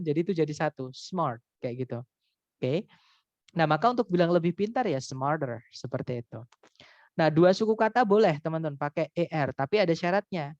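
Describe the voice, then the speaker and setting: A man's voice: fairly high pitch, a little mellow, no echo. A man teaching English grammar in a recorded online lesson, explaining patiently and repeating his points. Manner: patient, repeats points and says "teman-teman" often. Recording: dry, slightly dull recording.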